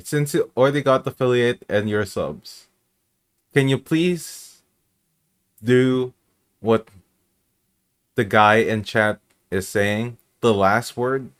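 A man hosting a casual podcast, talking loosely and filling his sentences with "you know" and "like". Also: mid-range voice. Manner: slow and lively, lots of "you know" and "like". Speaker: podcast host.

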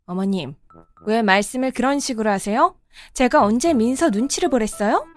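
A woman's voice: a little high, lively intonation, normal speed, natural voice. A woman voicing a respectful yet insistent daughter-in-law and mother, in a cartoon drama. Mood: upset. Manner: polite, respectful, growing insistent. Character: daughter-in-law, polite but firm mother. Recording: faint background music.

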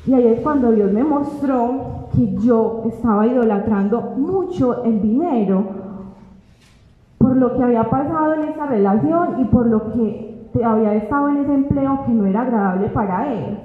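A young woman telling a personal faith testimony with emotion, acting out the dialogue as she goes. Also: a little high. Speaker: testimony giver. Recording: echoey hall, tinny phone-like sound.

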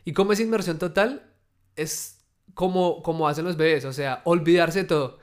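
A man's voice: a little high, normal speed. A man who runs his own businesses talks casually to camera, speaking to his viewers directly, asking them questions and filling his speech with loose fillers. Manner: conversational, loose, with many fillers. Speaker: entrepreneur sharing his experience.

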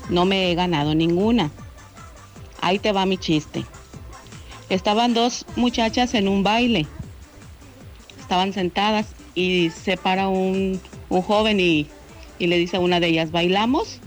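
A woman's voice: mid-range voice, a little slow, pauses often, soft background music. Cheerful woman telling a joke. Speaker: listener sending a joke. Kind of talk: recorded listener message telling a joke.

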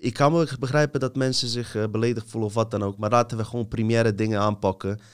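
A man's voice: fairly low pitch, steady tone, fast, clear, resonant tone. A man leading a casual conversation, talkative and steering the topic. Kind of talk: casual chat.

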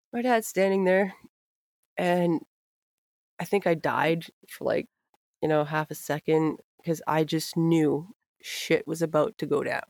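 A woman's voice: low-pitched, creaky, no room sound, clean studio sound. A young woman hosting a podcast, telling a wild anecdote with lots of swearing and laughter. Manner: profane, laughing, animated anecdotes. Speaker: podcast host. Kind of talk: casual storytelling chat.

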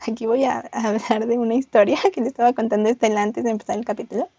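A young woman chatting on a podcast, telling a story and laughing between lines as she plays out little voices. Her voice sits a touch high but sounds dark and gravelly, with a husky edge. The recording is dry and a little muffled. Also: flat delivery, rapid-fire, no echo. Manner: laughs often, acts out voices in her anecdotes. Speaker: podcast co-host. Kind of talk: casual storytelling chat.

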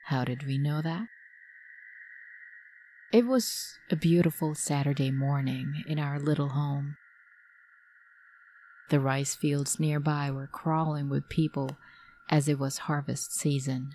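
Casting: woman, middle-aged, Filipino accent, deep and unhurried, dramatic host for spooky tales. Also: fairly even intonation, dark tone, slight background noise. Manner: measured, dramatic storytelling delivery. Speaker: storyteller host. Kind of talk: scripted spooky story narration.

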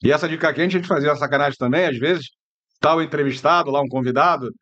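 A man's voice: on the high side, a bit bright, highs cut off. A Brazilian man co-hosting a podcast, jumping eagerly into the chat with his own stories. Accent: Brazilian Portuguese. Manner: brisk, eager storyteller who jumps in. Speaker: podcast host. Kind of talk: casual chat.

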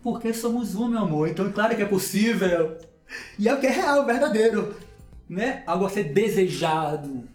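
A Brazilian man speaking as a voice coach on a podcast, calm and reflective, with a gently spiritual manner. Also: high-pitched, moderate pace. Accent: Brazilian Portuguese. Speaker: voice coach guest. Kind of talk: podcast conversation. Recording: roomy echo, faint music behind.

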